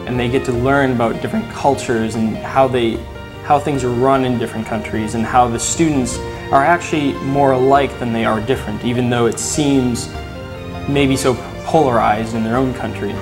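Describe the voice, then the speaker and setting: Earnest man, mid-pitched, over music. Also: fairly even intonation, moderate pace. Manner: earnest, with some restarts. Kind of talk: candid interview remarks.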